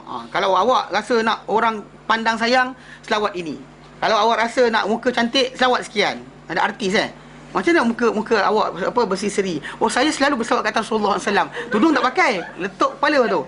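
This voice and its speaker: Brisk, animated Malaysian woman teaching. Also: fairly high pitch, a little hiss or hum. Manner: animated, acts out quoted voices, mixes in English phrases. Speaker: religious teacher. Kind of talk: Quran exegesis class lecture.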